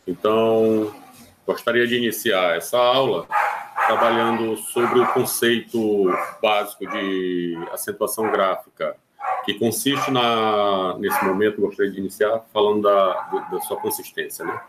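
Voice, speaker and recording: A man with a Brazilian Portuguese accent teaching a recorded lesson, explaining slowly and deliberately with hesitant fillers. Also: fairly low pitch, steady tone, roomy sound, noisy background.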